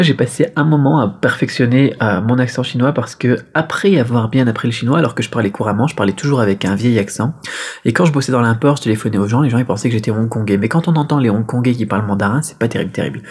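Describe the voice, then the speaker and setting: A man's voice: medium pitch, a little mellow, breathy edge. A man from France vlogging casually to camera in his apartment, chatty and full of fillers and self-corrections, recorded on a camera-mounted mic. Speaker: vlogger and Chinese teacher. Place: apartment during a power cut. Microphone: camera-mounted shotgun mic.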